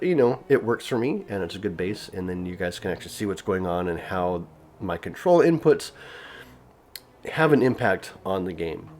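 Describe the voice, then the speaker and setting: A man with a fairly low voice gives a casual, rambling update to his channel's viewers from his home gaming setup. He talks with frequent fillers and restarts, and faint music plays underneath. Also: darkish tone. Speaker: YouTube gaming channel host.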